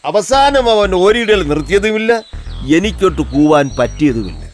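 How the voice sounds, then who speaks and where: A man's voice: high-pitched, big pitch swings, normal speed, soft background music. A man doing a bossy cartoon rooster. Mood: scolding. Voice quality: bossy, scolding. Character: bossy adult rooster, head of the flock.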